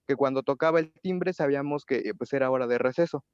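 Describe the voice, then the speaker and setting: Man, Mexican accent, student asking a question, smooth voice, halting, dry muffled audio. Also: mid-range voice, darkish tone, dry recording. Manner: halting, hesitant, rephrases while thinking aloud.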